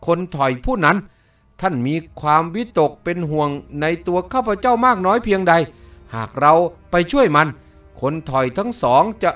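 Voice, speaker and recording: A man voicing a clever, sharp-tongued young heroine in an audiobook, calm and measured. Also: fairly high pitch, soft background music. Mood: gentle.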